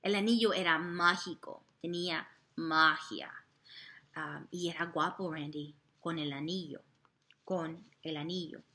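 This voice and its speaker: Slow, bright-voiced woman teaching Spanish. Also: low voice, steady tone. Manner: slow, repeats each phrase, switches between Spanish and English to explain; sings and makes sound effects while telling the story. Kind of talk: bilingual classroom storytelling lesson.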